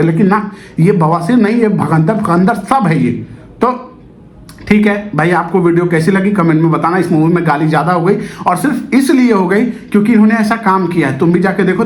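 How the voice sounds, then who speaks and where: A man roasting a movie in a profane, sarcastic, animated comic monologue. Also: high-pitched. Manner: animated, sarcastic, swears a lot. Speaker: movie reviewer. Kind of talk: profane comedic film roast.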